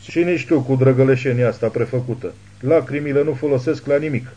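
A man voicing a crazed, hateful old woman who spits forceful accusations in an audiobook. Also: mid-range voice, lo-fi sound, lightly acted. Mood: menacing.

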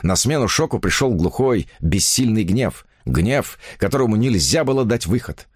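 A man reading a novel aloud in a measured, expressive audiobook narration. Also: on the low side, husky, no echo, clean studio sound.

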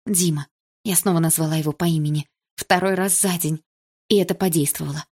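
A woman narrating a first-person novel with an expressive, emotional reading. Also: low voice, brisk, slightly rough. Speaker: audiobook reader.

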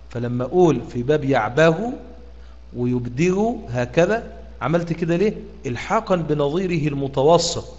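A man's voice: fairly high pitch, a little mellow. Egyptian man teaching Quran recitation rules. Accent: Egyptian Arabic. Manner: questioning, pausing with "what?" for students to answer; drawn-out demonstrative recitation of words. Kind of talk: explaining Quran reading rules to students. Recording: lo-fi online room audio with a long reverb.

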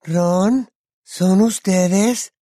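A man voicing a dreamy teenage girl in an audiobook, speaking softly and slowly. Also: sits high, no echo, clean studio sound, pitched above the performer's own voice. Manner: soft, slow, calm.

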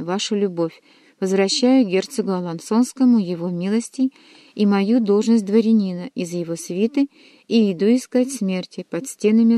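A woman's voice: mid-range voice, mellow, dry recording, studio quality, lightly acted. A woman voicing an ardent, jealous young male nobleman who pleads his love. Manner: pleading, impassioned.

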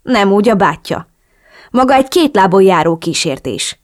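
A woman reading the lines of a cold, calculating male drug cartel boss in an audiobook, in a cool, measured, blunt manner. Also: mid-range voice, animated, lightly acted.

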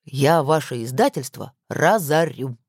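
A woman's voice: low-pitched, lively intonation, measured pace, darkish tone, husky, dry recording, exaggerated voice. A woman voicing a teasing, self-important rich husband on the phone, with dry mock-pompous humor.

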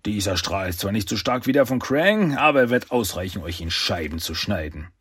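A man's voice: fairly low pitch, big pitch swings, a little fast, a bit bright, slightly rough, dry recording, studio quality, heavily acted. A man voicing a vengeful armored villain in a storybook reading, cold and threatening. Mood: menacing.

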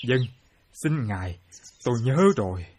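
An actor playing an excitable, boastful former soldier who loves chess, full of exclamations. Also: male voice, mid-range voice, moderate pace, a little hiss or hum, lightly acted. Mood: earnest. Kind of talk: radio play acting.

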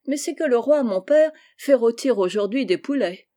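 A woman reading a fairy tale aloud and voicing a haughty, mocking young princess who scorns her suitors with shrill, loud outbursts. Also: expressive, normal speed, close to an everyday voice. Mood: teasing.

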